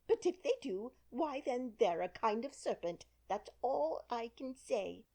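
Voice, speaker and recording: A woman's voice: fairly high pitch, animated, a little slow, dark tone, voice pushed up. A woman voicing a distraught female pigeon who shrieks, sobs and scolds. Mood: scornful. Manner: shrieking, sobbing and scornful. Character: shrill, distraught female pigeon guarding her eggs.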